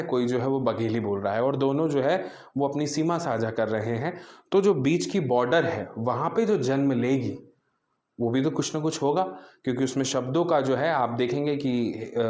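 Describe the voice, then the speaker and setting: A man gives an exam-prep grammar lecture, explaining each point step by step. He often poses a question and answers it himself. His voice sits at a middle pitch, recorded in a noticeably echoey room. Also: moderate pace, darkish tone. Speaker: Hindi grammar teacher.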